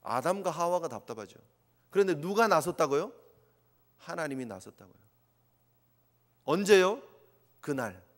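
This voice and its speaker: A man's voice: on the high side, very animated, normal speed, long pauses, fairly bright tone. A male pastor preaching an impassioned sermon, sometimes acting out quoted voices. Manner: impassioned, acts out God's voice in quotes. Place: church sanctuary. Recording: long church reverb.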